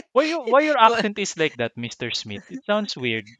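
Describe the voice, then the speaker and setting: A man's voice: high voice, bright, forceful tone, dry recording, voice pushed up, full character voice. A man putting on a mocking voice of an American man griping about an accent, in exaggerated broken English.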